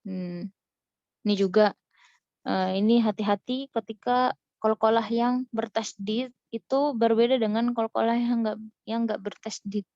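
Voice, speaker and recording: A young woman teaching Quran recitation in a casual online lesson, patiently explaining and slowly modeling each example. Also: fairly high pitch, steady tone, warm tone, no room sound, muffled recording.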